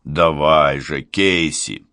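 A worried middle-aged divorced father, tense and urgent, as a male reader voices him. His voice is deep and close to the reader's own. The recording is dry and close. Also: steady tone, takes it slowly, pushed and bright, dry recording, heavily acted.

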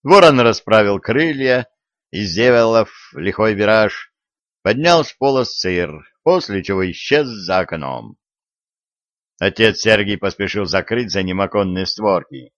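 A man narrating an audiobook in a steady, even storytelling manner. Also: lowish voice, measured pace, dry recording. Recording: dry, dull lo-fi audio.

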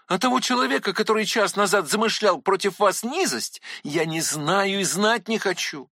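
Guy reading a novel aloud, first person, earnest, high bright voice, dry close sound. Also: animated, normal speed, dry recording. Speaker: audiobook narrator. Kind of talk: first-person literary narration.

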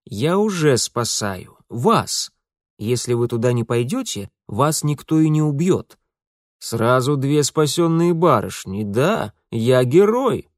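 A man voicing an unflappable young hero with a deadpan, sarcastic manner. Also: mid-range voice, unhurried, few pauses, no echo, clean studio sound.

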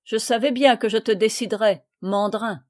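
Woman reading a gruff blustering count, loud and mocking, high-pitched in a storybook. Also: normal speed, no room sound, clean studio sound, natural voice. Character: rough, blustering count with a thief.

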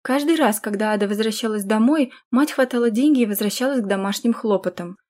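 A woman reading a fantasy audiobook in steady, scripted storytelling narration. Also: fairly high pitch, fast.

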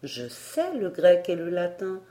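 A serene fairy governess, as a woman reader puts her on, speaking in a slow, unhurried storybook voice. Her tone is low and mellow, calm and measured throughout.

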